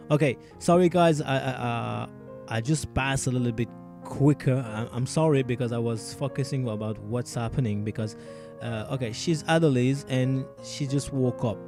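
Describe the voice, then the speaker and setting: A man giving casual let's-play commentary at home at night, rambling and joking about himself, with many fillers and restarts. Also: mid-range voice. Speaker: gamer playing through a game. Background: faint background music.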